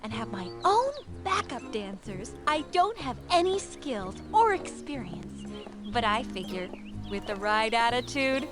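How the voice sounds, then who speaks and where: A woman's voice: fairly high pitch, very animated, a little slow, music in the background. An actress playing a cheerful young woman, a former bank clerk who dreams of stardom, in a video game, with a bubbly, giggly manner.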